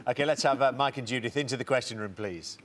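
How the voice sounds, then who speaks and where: Brisk male quiz show host. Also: medium pitch, noisy background. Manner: brisk, reads questions and options. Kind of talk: broadcast quiz hosting. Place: TV studio.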